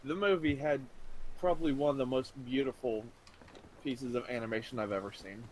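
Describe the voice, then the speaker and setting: A young man chatting casually with a friend over a game, relaxed and swearing freely. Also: medium pitch, brisk, slight background noise, poor audio. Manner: laid-back, swears freely. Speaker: co-player, friend. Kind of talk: casual chat while gaming.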